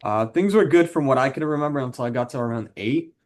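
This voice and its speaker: A man's voice: medium pitch, quick pace, lightly acted. A man playing a defensive husband in a counselling role-play, talking in a plain, matter-of-fact way. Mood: subdued, reflective. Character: frustrated, defensive husband who drinks, admits anger issues.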